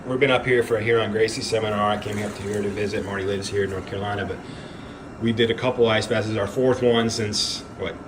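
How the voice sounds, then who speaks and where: Low-voiced man hosting over background noise. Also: fairly even intonation, fast talker. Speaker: host guiding an ice bath demonstration. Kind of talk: casual explanatory vlog talk. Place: garage. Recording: clear background noise, humming ambience.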